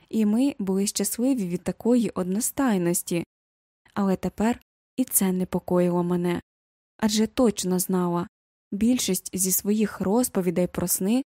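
A woman reading a first-person novel aloud as an audiobook narrator, measured and reflective. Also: medium pitch, dark tone, no echo, studio quality.

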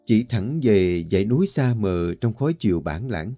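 Male horror narrator, low warm voice, steady dramatic read. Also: normal speed, dry recording, soft background music. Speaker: storyteller. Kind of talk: scripted horror story narration.

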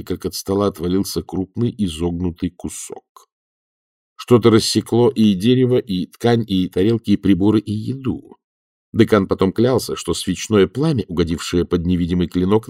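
A man narrating an audiobook in an expressive, wry manner. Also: low-pitched, dry recording, clean studio sound.

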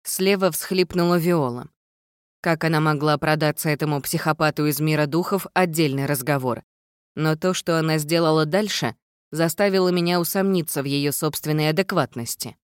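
A woman narrating a first-person fantasy audiobook in a steady, measured way. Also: deep voice, clean tone, no room sound, clean studio sound. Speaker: audiobook reader.

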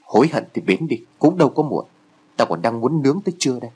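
Man voicing a sleepy, sharp-tongued teen boy, grumbling, husky voice. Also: mid-range voice, big pitch swings, quick pace. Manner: grumbling, teasing.

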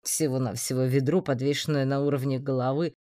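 A woman's voice: a bass voice, fairly even intonation, fairly quick, warm tone, no room sound, clean studio sound. A woman voicing a composed, mocking man who is master of the house.

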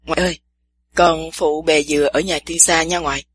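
A woman voicing an earnest, athletic young man who talks calmly and teases gently. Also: low voice, moderate pace, slightly rough. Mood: polite.

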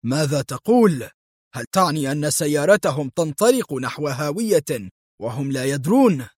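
A man playing a raging, scheming villain in an audio thriller, barking commands in a raised, forceful voice. His tone turns sly and menacing, recorded close with a dry sound. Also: a little high, very animated, normal speed, husky, no echo. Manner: barking orders, angry and sly. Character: furious cunning male villain in pursuit.

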